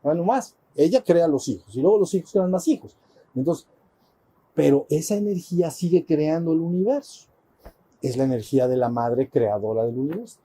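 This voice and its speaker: A man's voice: mid-range voice, warm tone, husky. A man, a spiritual teacher telling a playful, colloquial story to a retreat group.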